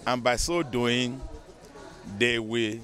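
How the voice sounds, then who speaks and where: A man's voice: medium pitch, steady tone, slow, fairly bright tone. A Nigerian man in his fifties, a bishop, speaking earnestly and measuredly in an outdoor news interview into a handheld microphone. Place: outdoors beside a building.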